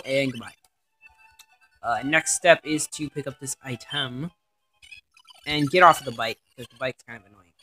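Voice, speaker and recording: A man doing let's play commentary on a game, excitable and rambling, swearing often. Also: a little high. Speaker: gaming commentator.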